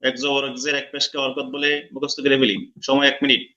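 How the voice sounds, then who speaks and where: A man's voice: mid-range voice, completely flat delivery, quick pace, sharp tone, muffled recording. A man teaching an online lesson, explaining step by step and quizzing his students. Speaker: Quran recitation teacher.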